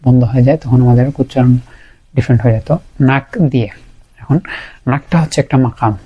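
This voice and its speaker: A man's voice: medium pitch, fairly even intonation, fast talker, husky, lo-fi sound. A man teaching Quran pronunciation in a lesson, patiently repeating each sound to show it. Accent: Bangladeshi Bengali. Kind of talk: explanatory lesson.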